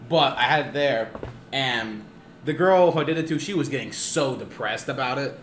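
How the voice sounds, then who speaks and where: A young man casually telling a funny story on a podcast, animated and quick to act out other people's lines. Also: a little hiss or hum. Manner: animated, acts out quotes in high squeaky voices. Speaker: podcast co-host.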